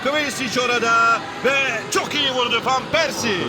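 A man giving excited live football commentary in a raised voice. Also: very high voice, moderate pace, loud music behind the voice. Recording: very noisy outdoor stadium broadcast.

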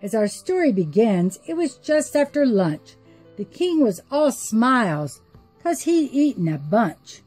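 Woman, rhyming storybook narration, sing-song, high lively voice, unhurried. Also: soft background music.

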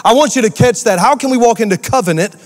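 A man preaching a sermon as pastor, animated and talking straight to the congregation with asides and call-outs. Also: very high voice, fast, big-room sound. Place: church auditorium.

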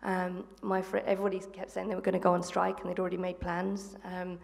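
A woman's voice: on the low side, fast, gravelly. Earnest woman on a theatre stage. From England. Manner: earnest, animated, many ums and restarts. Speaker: panel guest, former school strike organiser. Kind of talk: live panel discussion. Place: theatre stage before an audience. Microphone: handheld mic. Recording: long reverb of a theatre hall.

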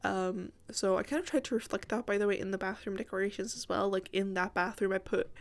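A woman's voice: medium pitch, steady tone, a little fast. A woman giving a casual, rambling gaming voiceover, interrupting herself with asides, her sore voice strained and cracking now and again. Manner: chatty, self-interrupting, apologetic asides. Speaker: gaming video creator.

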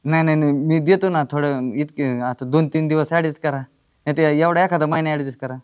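A man's voice: on the high side, steady tone, a little fast, darkish tone, clean tone, natural voice. An actor playing a poor young husband who lied about his wealth, pleading and evasive. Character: broke young husband, sheepish liar, pleading. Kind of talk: comic village drama acting.

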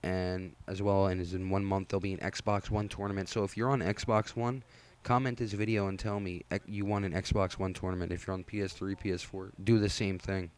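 A young man with a lowish voice gives relaxed, rambling commentary over his gameplay. He sounds tired and laid-back, and he pokes fun at himself as he goes. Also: a little fast, clean tone. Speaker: gaming channel host.

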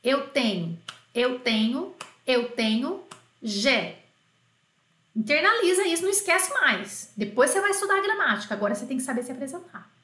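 A woman gives a French lesson in a high, bright voice that keeps coaxing her students along. She drills each phrase over and over and keeps nudging the class to repeat after her. The room adds a noticeable echo around her voice. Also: big pitch swings, normal speed. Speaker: French teacher. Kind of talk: online language lesson. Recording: roomy echo.

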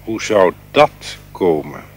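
A man's voice: deep voice, sing-song, takes it slowly, husky, voice pushed down, full character voice. A man voicing a bashful, tender-hearted old king in a fairy tale. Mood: soft, shy.

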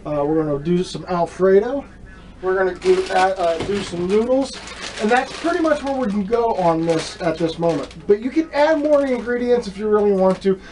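A man's voice: high voice, expressive, moderate pace, darkish tone, slight background noise, rough recording. Rambling man filming a home cooking video. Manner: rambling, many "uh" fillers and restarts. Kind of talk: casual cooking demonstration. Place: small home kitchen, indoors. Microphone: camera mic, filming himself at the stove.

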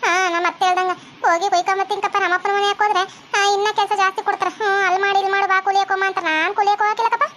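A woman's voice: extremely high pitch, little pitch movement, rapid-fire, hardly any pauses, a bit bright, a little hiss or hum. A woman with a North Karnataka Kannada accent voicing a stubborn, sweet-talking young daughter-in-law in a cartoon comedy. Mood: coaxing. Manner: whiny, stubborn, coaxing.

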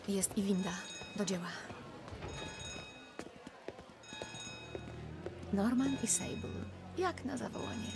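A woman's voice: medium pitch, animated, moderate pace, vocal fry. A wry young female reporter in a video game. She is determined and sneaky, talking half to herself, while music plays behind her. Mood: wry, pleased. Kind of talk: dubbed video game acting with muttered self-talk.

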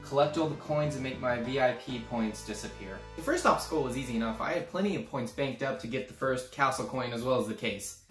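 A man's voice: medium pitch, brisk, few pauses, fairly bright tone, reverberant, soft background music. A man narrating a comedic scripted vlog with a sarcastic, self-mocking manner that swings into sudden mock outbursts. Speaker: YouTube creator.

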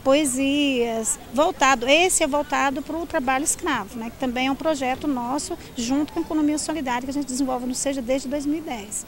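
A woman's voice: sits high, fairly quick, few pauses. A woman in her forties, a fair organizer, answering a street interview at night into a handheld mic, talking conversationally with frequent tag questions. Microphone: handheld reporter mic.

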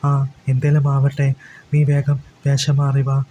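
A man voicing a sharp-tongued mother who scolds her children, in a flat, low-key way. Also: measured pace, a little hiss or hum, natural voice. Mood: scolding.

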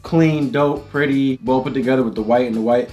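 A man's voice: mid-range voice, fairly even intonation, brisk, dark tone, faint music behind. A young man co-hosting a reaction video, chatting casually and joking in slang. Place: small room with couch.

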